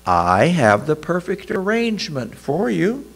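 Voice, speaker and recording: A man voicing a kind, wise woman who runs a flower shop, speaking softly and patiently. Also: lowish voice, wildly swooping pitch, unhurried, slightly rough, pitched above the performer's own voice, full character voice. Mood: friendly. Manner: soft, patient, consoling.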